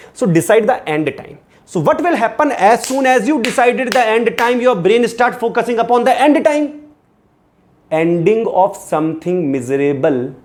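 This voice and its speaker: A man with an Indian accent giving a motivational study lecture as a coaching teacher, emphatically repeating key phrases and dropping Hindi words into his English. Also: sits high. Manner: switches into Hindi words mid-sentence.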